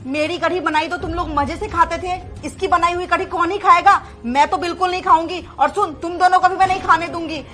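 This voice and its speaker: A woman in her fifties playing a stern, sharp-tongued mother-in-law who scolds her new daughter-in-law loudly, in a family drama. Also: extremely high pitch, steady tone, brisk, hardly any pauses. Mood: defiant. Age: 50s.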